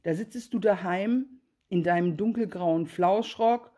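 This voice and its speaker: A woman's voice: medium pitch, measured pace, mellow, close to an everyday voice. A woman doing a sly, coaxing greedy cat. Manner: sweet-talking, coaxing, then curt. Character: sly greedy female cat, smooth talker.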